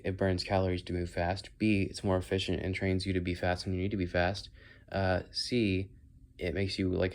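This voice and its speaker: A man's voice: low voice, gravelly, darkish tone. A man with whistling s sounds, rambling casually and thinking aloud as he goes from one aside to the next. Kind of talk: casual rambling solo monologue. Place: indoors in own room.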